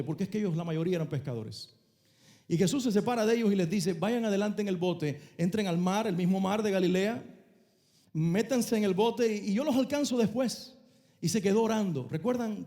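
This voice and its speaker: High-voiced, dramatic storytelling pastor. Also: male voice. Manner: storytelling, asks the congregation to repeat phrases; dramatic shifts between soft and loud delivery. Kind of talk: sermon.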